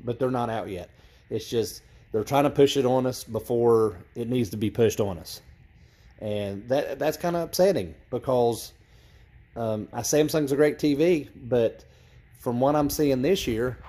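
A man with an ordinary mid-range voice rambles through a casual home tech vlog. He sounds frustrated and keeps restarting his sentences, with plenty of fillers along the way. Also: medium pitch. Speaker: TV tech YouTuber.

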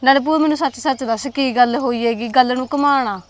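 A woman's voice: sits high, quick pace. A young woman with a Punjabi accent acting in a village family drama, coaxing and caring toward her aunt. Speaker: married niece.

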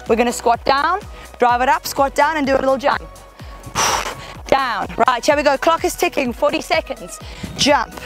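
A woman fitness instructor leads a workout, upbeat and encouraging as she cheers people on and counts down reps, slightly winded from moving along. Her voice sits high and fairly bright at a normal speed, picked up by a headset or clip-on mic close to her mouth, with faint music behind.

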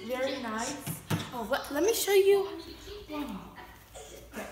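A young woman vlogger films a joking, mock-boastful tour of a house and backyard on a handheld phone, giggling as she goes. Her high-pitched voice is expressive and measured in pace, and the roomy phone audio picks up background noise and music.

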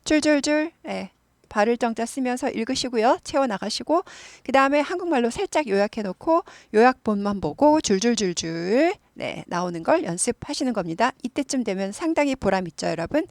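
A middle-aged woman hosting an English lesson, explaining phrases and drilling pronunciation in a lively, repetitive way. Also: fairly high pitch, fairly quick, no room sound. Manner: lively, repeats words for drill practice. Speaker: English teacher, channel host.

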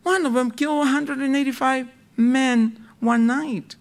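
A male pastor preaching a sermon, telling the story dramatically and swinging between loud bursts and hushed, slow passages. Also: very high voice. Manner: repeats words when excited.

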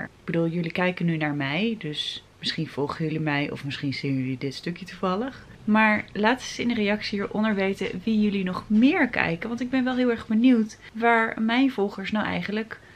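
A young woman chatting casually to camera in a home vlog, now and then switching to a high sing-song voice for her baby. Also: a little mellow. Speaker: vlogger.

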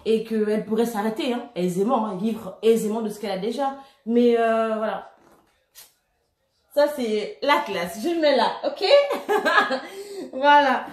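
A woman vlogger chatting casually and excitably while unboxing skincare products, laughing often and using many fillers. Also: fairly high pitch, moderate pace. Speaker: beauty vlogger. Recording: echoey room.

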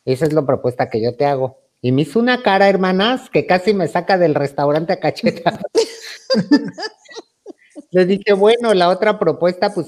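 A man's voice: fairly high pitch, darkish tone. A man with a Mexican accent telling a playful, chatty story to his audience, acting out the quoted lines. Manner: chatty, playful, campy, calls the audience "hermanitas". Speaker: YouTuber host. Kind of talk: storytime monologue.

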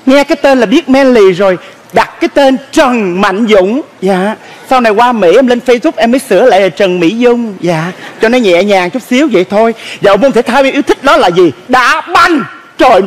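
A flamboyant grown son with a very high, fluttery voice. He whines in a fussy, theatrical way and lays the blame on everyone around him. The sketch is performed on stage. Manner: flamboyant, whining complaints.

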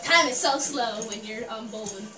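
A woman playing a bowling video game, chatting casually and breaking into excited shouts. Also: a little high, normal speed, recorded from a distance. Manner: excitable, bursts into loud cries. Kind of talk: casual let's-play chat. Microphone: phone filming a TV screen. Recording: echoey room, off-mic, loud game music.

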